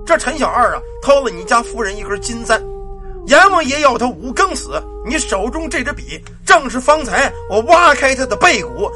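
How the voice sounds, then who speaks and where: A man voicing a cold, stern ghost general from the underworld, speaking slowly in a low, measured way. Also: very animated, sharp tone, soft background music, heavily acted. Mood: grave.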